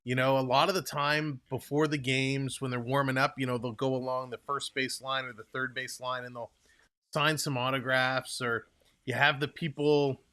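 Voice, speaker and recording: The voice belongs to a young man with a Toronto Canadian accent: medium pitch, little pitch movement, a moderate pace and a sharp tone. He rambles chattily while hosting a live hockey stream, reading and answering chat out loud.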